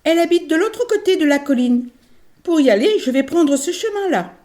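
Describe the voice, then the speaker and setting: A woman storyteller voicing a polite, trusting little girl in a small, high, piping voice. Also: expressive, moderate pace, a little mellow.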